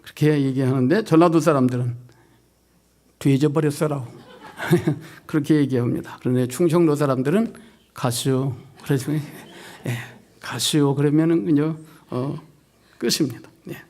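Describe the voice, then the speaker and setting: A man's voice: a little high, brisk, darkish tone. A male pastor giving an evening revival sermon in a church, joking and folksy, drawing out his words and asking the congregation questions. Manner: joking, folksy, draws out words, asks the crowd. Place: church sanctuary.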